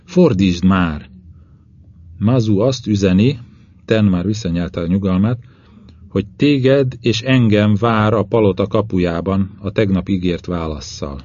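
A man narrating a first-person novel as an audiobook reader, measured and steady. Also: lowish voice, lo-fi sound.

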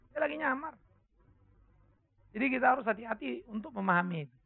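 A man preaching a sermon, asking the congregation questions and breaking into sudden loud cries. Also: high voice, creaky, slightly rough. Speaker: pastor. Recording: tinny phone-like lo-fi sermon recording.

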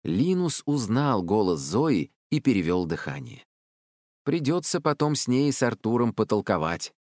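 A man narrating an audiobook in an expressive, varied manner. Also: medium pitch, moderate pace, no echo, clean studio sound.

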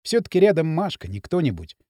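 A man narrating an audiobook with an expressive storytelling delivery. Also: on the high side, fast talker, dry recording, clean studio sound.

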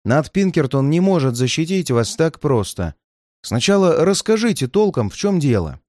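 A man's voice: a little high, very animated, moderate pace, no echo. A man voicing a stern male detective who speaks dryly and firmly. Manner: dry and firm, sometimes gentle.

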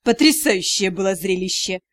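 Woman playing a drawling, sneering male magister in a storybook, voice dropped low. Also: lively intonation, normal speed, a bit bright, no echo, natural voice. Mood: mocking. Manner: sarcastic, drawling. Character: mocking aristocratic male mage, sarcastic, teasing.

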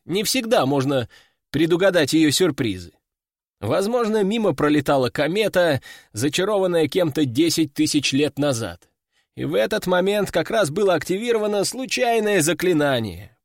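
A man's voice: fairly high pitch, gravelly, no echo, clean studio sound. A man narrating an audiobook in the first person, with a wry, ironic storytelling manner.

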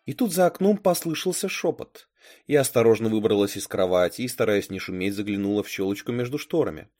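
A man narrating a storybook chapter with expressive, dramatic delivery. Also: fairly low pitch, brisk, faint music behind. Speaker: story reader.

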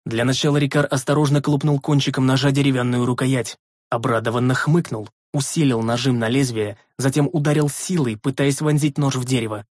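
A man narrating a fantasy audiobook in the first person, in a steady, measured reading. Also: medium pitch, slightly rough, no room sound, clean studio sound.

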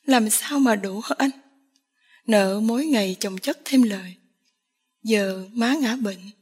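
A woman voicing a tearful young village woman pleading with the man she loves, with a slow, breathy delivery. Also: fairly high pitch, a little mellow. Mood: sad tearful.

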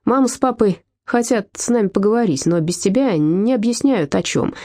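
A woman's voice: mid-range voice, lively intonation, moderate pace, mellow, voice pushed up, close to an everyday voice. A woman reading as a sulky, grumbling teenage boy. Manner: grumbling, irritable. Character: sulky, cautious teenage boy, the older brother.

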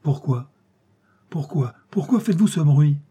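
A man reading aloud who voices a cruel, boisterous tyrant king with loud, mocking commands. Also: on the high side, normal speed, slightly rough. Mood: furious.

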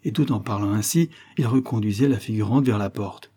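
A man's voice: fairly quick, slightly rough. A man reading a novella aloud as scripted narration, lifting his voice for quoted speech. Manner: reads calmly, lifting pitch for quoted speech. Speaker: audiobook reader.

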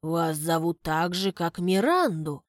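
A woman voicing a courteous, shrewd middle-aged male butler who speaks in a measured, inquiring way. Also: lowish voice, expressive, no room sound, clean studio sound, voice pushed down. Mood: puzzled, polite.

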